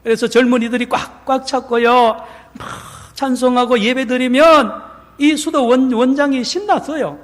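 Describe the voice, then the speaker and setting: A male pastor preaching a sermon in a church, animated, acting out quotes and asking the congregation questions. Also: very high-pitched, normal speed. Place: large church sanctuary. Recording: long church reverb.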